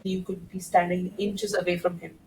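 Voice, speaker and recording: Chatty woman, lowish voice, faint hiss. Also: little pitch movement, normal speed, a little mellow, low-quality recording. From India. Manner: chatty, laughs while telling a story. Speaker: podcast guest. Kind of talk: casual storytelling in an interview.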